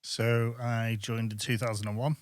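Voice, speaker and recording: A man's voice: medium pitch, flat delivery, normal speed, no echo. A middle-aged man with a Manchester accent, answering interview questions plainly and hesitantly, with fillers. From England. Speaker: army veteran guest.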